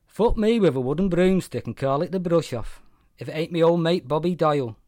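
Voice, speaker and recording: A man voicing a drunken middle-aged man whose Welsh voice has softened to near Mancunian, slurred and boisterous, in a read-aloud short story. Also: medium pitch, normal speed, dry recording, studio quality, lightly acted. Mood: boozy jovial.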